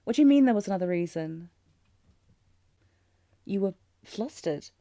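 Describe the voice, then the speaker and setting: In an intimate, scripted romantic fantasy audio roleplay, a woman plays a tender, anxious young princess, with lightly acted delivery, using formal archaic diction, hesitating, and sighing breathily. Her medium-pitched voice is mellow, with lively intonation at a moderate pace and no echo. The mood is subdued and probing.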